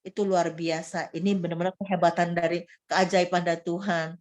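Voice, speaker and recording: A woman recovering from illness, telling her personal faith testimony to a church group with animated retelling of her prayers and frequent restarts. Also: on the low side, a little fast, low-quality recording. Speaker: church member giving testimony.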